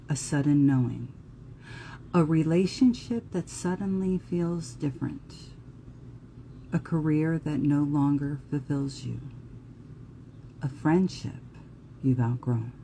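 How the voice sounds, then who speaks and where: A woman's voice: sits low, vocal fry, mellow, slight background noise. A woman with a New Jersey accent giving a live astrology talk in an earnest, emphatic way. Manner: earnest, emphatic, occasional profanity.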